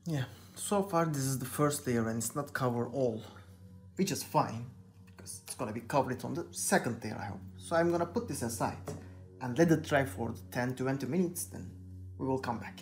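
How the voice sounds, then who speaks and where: Soft music plays as a young Turkish man works on a figure at his indoor workbench, hosting his hobby-painting channel. He speaks casually in a mid-range voice at normal speed, his accented English hesitant and dotted with "you know" as he looks for words.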